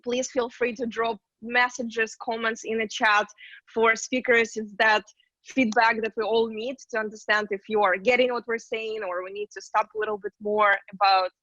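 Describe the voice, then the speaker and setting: Over dull, dry video-call audio from a computer mic, with no room sound, a woman from Ukraine talks online as an investment banker. She's chatty and upbeat with many fillers, and her slightly high, fairly bright voice moves little in pitch at a normal speed.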